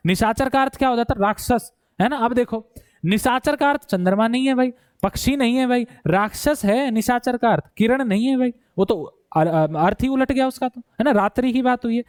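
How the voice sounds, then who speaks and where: Man, very high voice, exam-prep teacher, drawn-out repeated words, dry close sound. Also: clear, resonant tone, no echo. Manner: addresses students as bhai, repeats words slowly for pronunciation. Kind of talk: explaining Hindi grammar for an exam.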